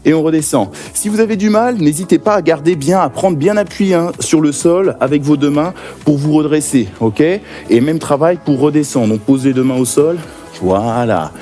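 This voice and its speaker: An energetic male fitness coach calls out punches and counts with lively swings in pitch. His tone is dark and mellow, and faint music plays behind him. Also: normal speed. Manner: energetic, encouraging counting and cues. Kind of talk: guided workout class.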